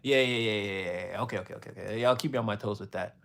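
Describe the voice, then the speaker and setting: A man's voice: on the low side, racing, a bit bright. A man from Montreal, Canada, hosting a casual livestream, rambling in a slangy way and laughing often as he answers his chat.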